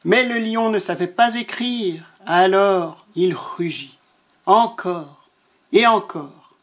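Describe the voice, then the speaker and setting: Woman storyteller, children's picture book, slow and playful. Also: medium pitch, a little hiss or hum. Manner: playful and expressive, with asides.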